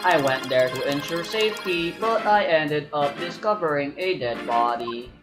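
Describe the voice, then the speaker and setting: A woman voicing a terse male bomb expert who talks through a text-to-speech voice, clipped and flat, in a voiced game playthrough. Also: deep voice, normal speed. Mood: flat robotic. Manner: clipped, flat, word-by-word delivery. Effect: imitated robotic text-to-speech voice. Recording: echoey room with game music.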